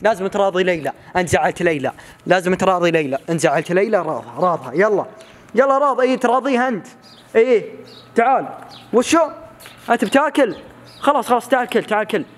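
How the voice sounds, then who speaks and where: A man giving rapid, playful, teasing commentary as he films his family. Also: sits high, animated. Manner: rapid, playful, teasing narration with many calls and repeats. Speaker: family vlogger filming his child. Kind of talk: excited running commentary on a family video.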